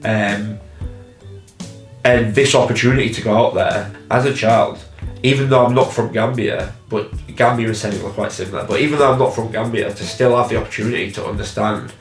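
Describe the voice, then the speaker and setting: A man's voice: on the low side, fairly even intonation, a little fast. A man, talking candidly and casually, swearing freely, in a documentary interview. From Hull, England. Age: 20s. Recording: roomy sound with background music.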